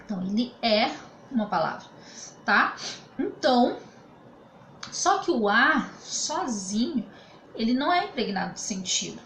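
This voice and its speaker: A woman's voice: fairly high pitch, big pitch swings, unhurried, long pauses, a bit bright. Brazilian woman teacher, patient and echoey. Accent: Brazilian Portuguese. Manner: patient, explanatory, repeats "tá?" to check understanding. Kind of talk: remote grammar lesson. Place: home room during quarantine. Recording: echoey room with faint ambient noise.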